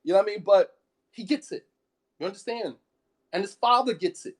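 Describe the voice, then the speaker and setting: A man's voice: high-pitched, brisk. An American man, an Islamic studies teacher, giving an impassioned, emphatic talk that keeps repeating his points and asking if you follow. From United States. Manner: emphatic, repetitive, peppered with 'you know what I mean'.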